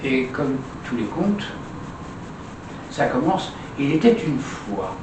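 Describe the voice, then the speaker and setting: Un homme qui raconte, doucement hésitant, avec beaucoup d'hésitations et de répétitions. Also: male voice, medium pitch, sing-song, slow. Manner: hesitant, with many fillers and repeats. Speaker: storyteller. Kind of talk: spoken storytelling. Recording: roomy, distant mic, ambient noise.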